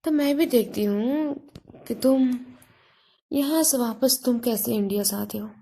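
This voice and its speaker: A woman's voice: fairly high pitch, unhurried, vocal fry, mellow, a little hiss or hum. A woman voicing a bold, defiant woman lead in a narrated love story, speaking with sarcasm. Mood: mocking. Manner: mocking, sarcastic.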